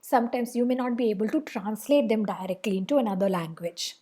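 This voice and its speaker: A woman's voice: mid-range voice, fairly quick, warm tone. A woman with an Indian English accent teaching a grammar lesson, patiently explaining and repeating example sentences.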